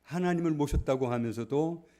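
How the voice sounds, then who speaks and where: A male pastor preaching a sermon, stressing points loudly and then dropping to hushed asides. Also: a little high, brisk. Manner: emphatic, swings between loud stresses and hushed asides. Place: church.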